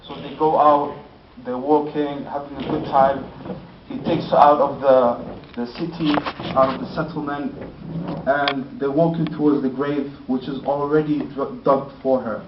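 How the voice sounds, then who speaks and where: A man's voice: medium pitch, steady tone, unhurried. A man telling a story in a sermon, using lots of fillers and rhetorical questions. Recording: roomy, distant, dull lo-fi with faint noise.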